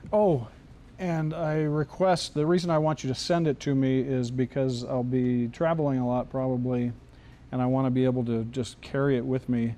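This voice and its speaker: A man's voice: mid-range voice, mellow, highs cut off. A man teaching a screenwriting class in a loose, joking way, often restarting his sentences. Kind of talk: casual classroom talk.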